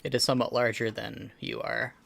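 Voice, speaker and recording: A man narrating a tabletop role-playing game as game master, describing scenes in a halting, improvised way. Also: medium pitch, level tone, vocal fry, a bit bright.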